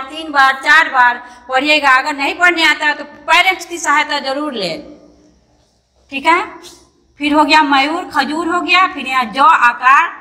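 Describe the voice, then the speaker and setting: A woman teacher with a high, bright voice, sounding out each syllable patiently for young pupils. Her voice rings with a long reverb. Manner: patient, spells words out syllable by syllable; calls the pupil "beta" fondly. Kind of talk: online class for children.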